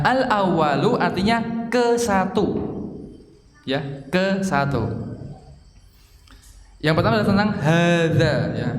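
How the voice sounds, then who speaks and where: A man teaching Arabic to a congregation, explaining slowly, asking and answering his own questions, and chanting phrases for the class to repeat. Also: a little high. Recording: echoey hall, faint ambient noise.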